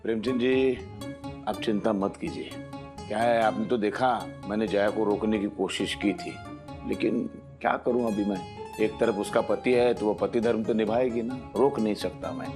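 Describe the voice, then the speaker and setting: A man's voice: lowish voice, steady tone, normal speed, close to an everyday voice. An actor playing a fussy, self-assured middle-aged father in a TV sitcom, explaining and giving orders. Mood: reassuring. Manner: instructive, bossy, giving orders. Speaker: father of the bride. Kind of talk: TV sitcom acting. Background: background music.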